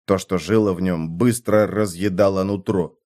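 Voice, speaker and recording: A man narrating a violent fantasy audiobook with intense, theatrical delivery, mid-pitched. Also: steady tone, normal speed, a little mellow.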